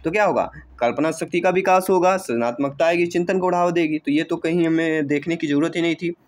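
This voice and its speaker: A male coaching teacher works through exam questions, quizzing his listeners with rhetorical questions and repeating the answers. His voice sits a bit higher than most men's. He keeps calling the audience dear friends. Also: quick pace. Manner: addresses listeners warmly as dear friends and brother. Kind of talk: exam-prep lesson.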